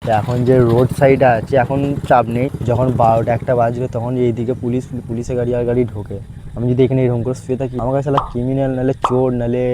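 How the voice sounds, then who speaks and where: A man's voice: medium pitch, warm tone. A young man vlogging casually to camera, chatting to his viewers as guys while lying on a parked motorbike outdoors at night, filmed on a phone held close. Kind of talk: casual vlog talk to camera.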